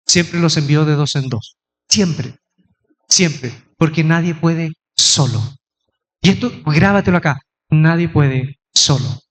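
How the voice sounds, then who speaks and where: A middle-aged man preaching to a congregation with a fairly high voice. He talks in a conversational, easy way and slips into playful mimicry. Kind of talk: sermon.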